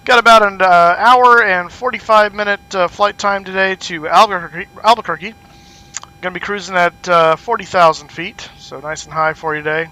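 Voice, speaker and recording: A streamer playing an airline captain giving a relaxed cockpit announcement over his headset mic, with an easy "uh" between phrases. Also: high voice, a little fast, faint music behind, poor audio. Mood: calm, breezy. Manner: relaxed, with filler "uh"s and a dry joke. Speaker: flight sim streamer.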